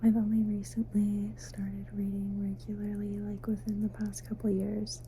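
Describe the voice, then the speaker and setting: A woman giving a soft, sleepy, casual ASMR ramble, mostly in a breathy whisper, unhurried and intimate as if talking to the listener. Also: medium pitch, monotone, slight background noise. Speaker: ASMR host. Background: faint night ambience, crickets outside.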